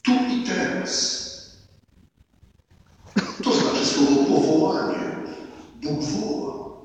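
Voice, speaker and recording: A man preaching as a priest, solemn and deliberate, repeating key words for weight. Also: high-pitched, lively intonation, a little hiss or hum. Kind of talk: sermon. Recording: echoey hall from far off.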